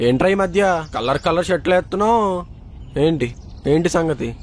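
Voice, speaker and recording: A man's voice: a little high, lively intonation, a little fast, slight background noise. A young man, playing a friend in a comedy sketch, who teases and eggs on his friends.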